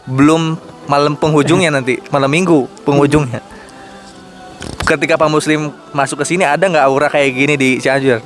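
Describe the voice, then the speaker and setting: A man hosting, asking participants quick probing questions in a casual interview at a mosque gathering. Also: on the high side, steady tone, faint music behind. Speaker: host interviewing camp participants.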